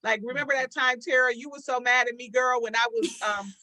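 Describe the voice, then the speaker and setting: A woman's voice: a little high, steady tone, fairly quick, pushed and bright, dry recording. A woman co-hosting a podcast who talks in a rambling way and restarts her sentences often during a casual chat. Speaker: podcast co-host.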